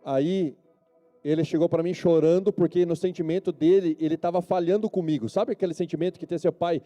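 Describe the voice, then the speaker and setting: A man's voice: on the high side, steady tone, brisk, mellow, faint music behind. A male pastor with a Brazilian Portuguese accent preaching a sermon at a church service, often calling for amen and yes-or-no answers from the congregation.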